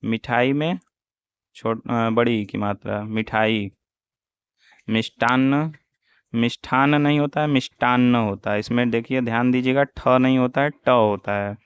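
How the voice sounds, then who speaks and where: A man teaching Hindi spelling for an exam, slowly reciting wrong and correct forms one after another. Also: mid-range voice, clear, resonant tone, dry recording. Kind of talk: exam-prep spelling lesson. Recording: dull, dry lo-fi audio.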